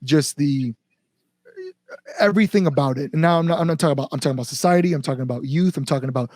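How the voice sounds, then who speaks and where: On a casual podcast, a songwriter who fronts a band rambles earnestly as the interview guest, repeating words to stress them. He has a slightly high, slightly mellow voice, recorded with no room sound.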